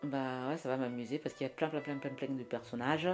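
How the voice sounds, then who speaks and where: A woman's voice: a bass voice, fairly even intonation, fast talker. A woman from France hosting a solo podcast, talking to herself at home at night in a chatty, self-mocking ramble full of restarts and fillers, recorded on a portable recorder. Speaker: podcast host. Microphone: portable audio recorder. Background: faint classical music.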